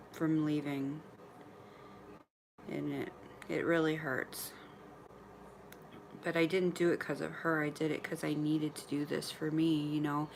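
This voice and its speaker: Low-voiced woman in her forties, chatty. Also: creaky, slight background noise. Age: 40s. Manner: candid and chatty, often laughing, sometimes talking while eating. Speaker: vlogger livestreaming to followers. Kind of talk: casual livestream chat. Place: indoors in her mother's apartment.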